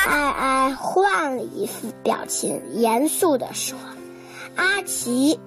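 A woman reading a children's story aloud in a gentle, expressive storytelling manner, over children's music. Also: high voice, takes it slowly, few pauses.

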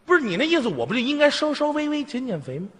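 Comedy guy, high voice, jumps all over in pitch, bragging and animated, reverb from a big hall. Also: rapid-fire, husky. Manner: boastful, animated storytelling with sudden loud outbursts. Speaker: lead comedian in a crosstalk duo. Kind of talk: stage comic dialogue performance.

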